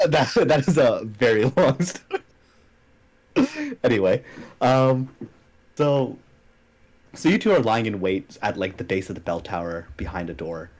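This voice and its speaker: A young man narrating as game master of a tabletop game, casual and halting with many fillers. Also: medium pitch, sing-song, a little mellow.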